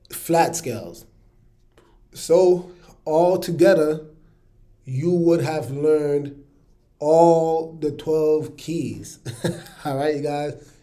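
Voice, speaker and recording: Slow, relaxed male music teacher. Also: mid-range voice. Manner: relaxed, checks in with "all right, you guys". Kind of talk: casual online music lesson.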